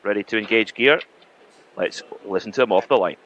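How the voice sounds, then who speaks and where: A man gives live rally commentary in a relaxed, chatty way and leans on filler words. His voice sits fairly low but has a bright, forceful edge. The stream audio sounds dull and slightly lo-fi. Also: fairly quick.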